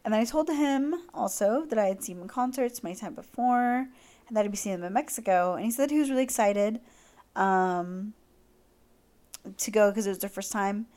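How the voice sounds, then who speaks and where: A woman's voice: medium pitch, moderate pace, a little mellow. Young woman podcast host, chatty and effusive, peppers every phrase with "like". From Latin America. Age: young adult. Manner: gushing, heavy use of "like". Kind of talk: casual storytelling monologue.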